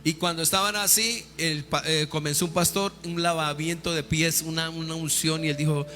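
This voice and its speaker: A male pastor preaching a sermon with call-and-response questions, building to loud fervent peaks. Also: fairly high pitch, fairly even intonation, normal speed. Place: church sanctuary. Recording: reverberant church hall with faint music.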